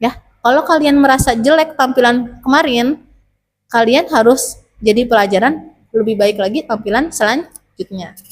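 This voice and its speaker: A woman's voice: a little high, normal speed. A woman teacher, chatting to students about public speaking and asking many rhetorical questions. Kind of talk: casual advice to students.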